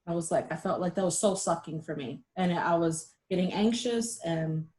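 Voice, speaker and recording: Her pitch is fairly low and her pace moderate as this middle-aged woman hosts an easygoing, talkative webinar by video call. She stays animated and self-deprecating throughout.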